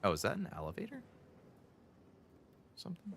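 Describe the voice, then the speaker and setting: A man's voice: high-pitched, huge pitch swings, normal speed, vocal fry, a bit bright, a little hiss or hum. A man live streaming a horror game, chatting casually and nervously muttering to himself as he plays. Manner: nervous, uneasy, muttering to himself while playing. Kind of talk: casual chat while playing a horror game.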